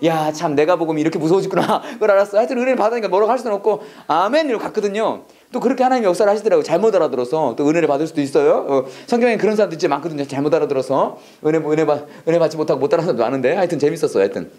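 An English prayer instructor giving a classroom lecture, drilling phrases call-and-response style, urging the class to go faster, and breaking in with joking asides. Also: medium pitch. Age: adult, past seminary studies. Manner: energetic, coaxing, repeats drill phrases and urges speed; jokey asides and chuckles between drills.

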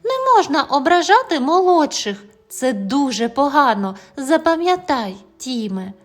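A woman's voice: high voice, big pitch swings, measured pace. Woman doing firm caring mother. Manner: firm, reassuring.

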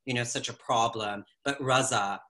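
Bright-voiced man on a video call. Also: medium pitch, fairly even intonation, normal speed. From United States. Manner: conversational, uses "like" often, gestures while talking. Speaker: panelist curator. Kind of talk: casual video call discussion. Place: home living room indoors. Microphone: laptop webcam video call.

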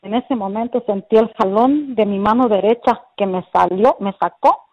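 A woman's voice: mid-range voice, moderate pace. A middle-aged woman giving a personal religious testimony as a guest, telling her story earnestly and repeating phrases, with many fillers. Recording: dull lo-fi sound.

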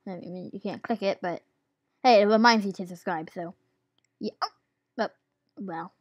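A woman's voice: mid-range voice, moderate pace, no echo. Casting note: woman gaming YouTuber, hiccuping, giggly and unsure, mid-range voice, very dry close sound. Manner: giggly, hesitant, lots of ums. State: has the hiccups. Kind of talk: casual gameplay commentary.

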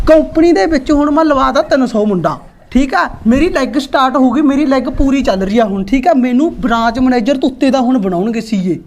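A woman's voice: sits high, expressive, a little fast, a little mellow. A woman playing a bragging village husband. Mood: scheming. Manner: bragging, rambling, talks over his wife. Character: boastful village husband hooked on a money scheme. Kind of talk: comic sketch acting.

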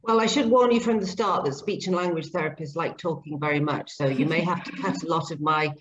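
A middle-aged woman who grew up in Zambia and Papua New Guinea, now a speech and language therapist, is the guest on a casual video-call interview. She talks fairly quickly in a lower voice, chatty and earnest, explaining at length. She's in her home kitchen on a laptop webcam mic, and the call audio is slightly dull with faint hiss.

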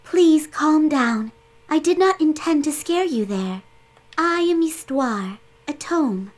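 High, serene goddess-like spirit guide. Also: female voice, animated, takes it slowly. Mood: calm, polite. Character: gentle, formal, heavenly tome spirit, female, goddess-like guide. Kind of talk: English video game voice acting.

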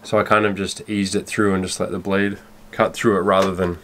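The voice is low-pitched and fairly quick, with little pitch movement, belonging to a sailing vlogger in his thirties. He explains his boat repairs casually as he works in the cabin and on deck, recorded on noisy on-location camera audio.

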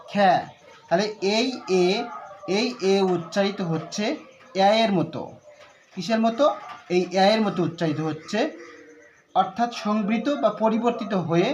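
High-voiced Bangladeshi man teaching grammar. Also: slight background noise. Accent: Bangladeshi Bengali. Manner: slow, repetitive, asks the class rhetorical questions. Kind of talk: grammar lesson to students.

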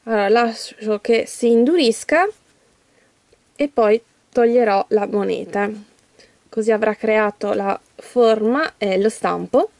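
A woman YouTuber opens an advent calendar, speaking slowly in a high, slightly mellow voice captured in a dry recording. She chats casually and directly to her viewers, then reads a children's story aloud.

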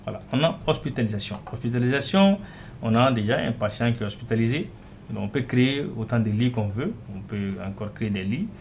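A man giving a casual screen-recorded walkthrough of his clinic software, often saying "voilà" and "euh" as he clicks. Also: mid-range voice, fairly quick, a little hiss or hum. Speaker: software developer demonstrating his app.

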